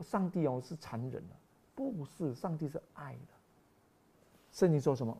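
A woman preaches a sermon with a lively voice that swoops up and down. She bursts into loud exclaiming, drops to quiet asides, and slows right down to read scripture with care. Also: on the low side. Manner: reads scripture slowly and deliberately.

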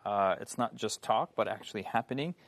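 A man leading a Bible study discussion, talking in a lively, jokey way as he guides the group. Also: on the low side, a little fast, vocal fry.

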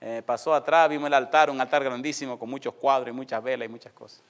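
A man preaching a sermon, telling a personal story in an animated way with sound effects and quoted voices, speaking to his congregation. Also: medium pitch, fast talker. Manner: folksy, addresses congregation.

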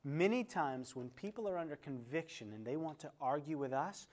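A man's voice: on the high side, lively intonation, moderate pace, a little mellow. A male evangelist pastor teaching in a sermon style, telling stories with emphatic repetition.

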